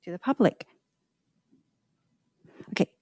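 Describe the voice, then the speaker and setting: A woman speaking through a face mask gives a halting prepared presentation as a hospital representative, with frequent stumbles and self-corrections. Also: a little mellow, no echo. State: sick.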